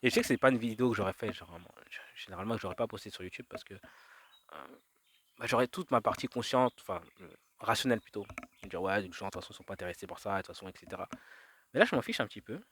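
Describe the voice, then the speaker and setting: A man's voice: on the low side, quick pace, fairly bright tone, slightly rough, no room sound. A man vlogging outdoors, talking his thoughts through in a drifting monologue, full of fillers, restarts and detours. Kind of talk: rambling reflective monologue. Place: outdoors in nature.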